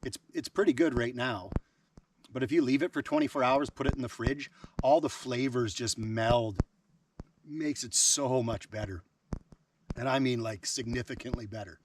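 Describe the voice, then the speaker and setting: A man's voice: mid-range voice, moderate pace, noisy background. A man cooking over a campfire outdoors by a lake, talking enthusiastically through a casual cooking vlog. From Canada. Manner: enthusiastic, talks with mouth full while tasting.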